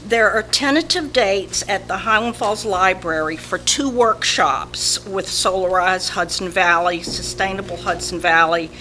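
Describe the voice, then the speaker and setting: Southern lady w a slow drawl reading an announcement at a town meeting, bright voice, bit of noise. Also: medium pitch. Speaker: volunteer community representative at a village meeting. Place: indoor village board meeting. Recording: noisy public meeting room recording.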